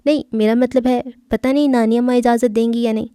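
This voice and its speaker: A reserved young woman, quiet and a little unsure, read by a woman in an audio novel. She speaks softly and hesitantly in a mellow voice. The sound is dry and close. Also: fairly high pitch, fairly even intonation, clear, resonant tone, dry recording, close to an everyday voice. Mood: shy. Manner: soft, hesitant. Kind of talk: audiobook character reading.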